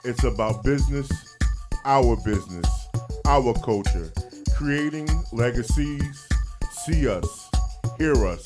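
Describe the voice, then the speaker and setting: A man reading a short promotional intro slogan in a slow, emphatic voice-over. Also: mid-range voice, lively intonation. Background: music.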